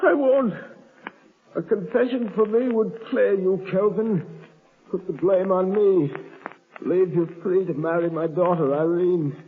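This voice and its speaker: A man's voice: high-pitched, unhurried, phone-quality sound. An actor playing a weakened, wronged older father held captive, defiant, in 1930s radio style. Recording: thin band-limited 1930s radio recording.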